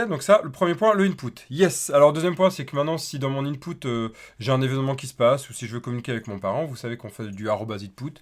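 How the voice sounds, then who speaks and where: A man teaching a casual live coding tutorial, chatty and thinking aloud with many fillers as he types. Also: medium pitch. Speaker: developer teaching a coding livestream.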